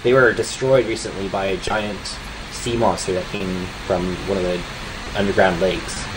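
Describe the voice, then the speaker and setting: A man playing a tabletop game, speaking casually in character, with clear noise behind him. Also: low voice, fairly even intonation, normal speed, music in the background, low-quality recording.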